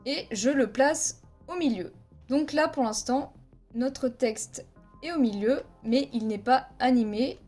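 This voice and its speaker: Speaking slowly in a high voice with a darkish tone, a woman guides viewers through video editing in a screen-recorded tutorial. She uses a headset mic, counts frames aloud, and explains each step plainly, with soft background music playing.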